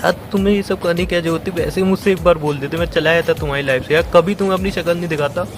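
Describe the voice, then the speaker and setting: A young man talks through tears, pleading and accusing by turns. His voice sits a little high for a man. Music plays clearly beneath the call. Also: steady tone, rapid-fire. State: crying. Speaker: gamer chatting with his partner. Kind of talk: emotional voice-chat argument. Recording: music playing underneath.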